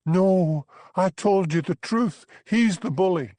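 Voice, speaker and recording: Defiant young Scottish wife, snarling, pitched high and loud, voiced by a male reader. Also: lively intonation, normal speed, no room sound. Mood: angry. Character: hard-faced defiant young village wife.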